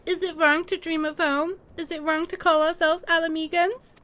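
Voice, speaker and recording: A woman voicing a frightened, tearful young female refugee in a fantasy game, halting and plaintive. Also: extremely high pitch, flat delivery, pushed and bright. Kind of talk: hammy fantasy game voice-over.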